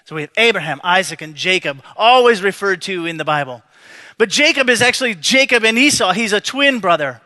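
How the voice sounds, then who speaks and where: A male pastor delivers a sermon like a casual storyteller, joking with the congregation and restarting his sentences often. His voice sits high for a man and sounds bright and forward. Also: lively intonation, fairly quick.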